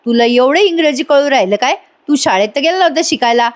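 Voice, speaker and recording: Woman reading a sarcastic young guy with comebacks, kinda high voice. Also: animated, fast. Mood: mocking.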